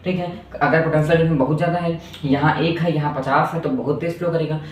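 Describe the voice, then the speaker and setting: A man's voice: a little high, fairly even intonation, quick pace. Man, physics teacher, lecture, repeats phrases, rhetorical questions, faint background hiss, distant mic. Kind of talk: classroom lecture. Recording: echoey distant room mic with faint noise.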